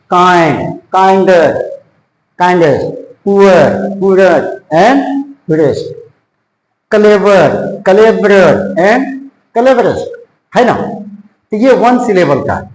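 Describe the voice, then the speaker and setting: A man from India teaching English grammar, mixing Hindi and English with a Hindi accent and slowly repeating his examples. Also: high voice, reverberant, low-quality recording. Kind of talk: classroom-style grammar lesson.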